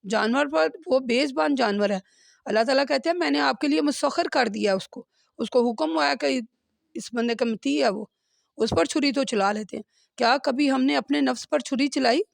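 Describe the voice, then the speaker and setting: A woman leads a Quran lesson, her fairly high voice roughened by gravelly fry. She talks earnestly and keeps checking in with a questioning "hmm?". The recording is dry, with no room echo. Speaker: religious teacher.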